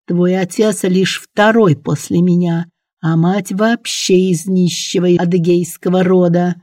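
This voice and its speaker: Reader doing a menacing old prince, slow, warm low tone. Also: creaky, no room sound, studio quality. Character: enraged elderly male prince, tyrannical. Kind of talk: audiobook character voice.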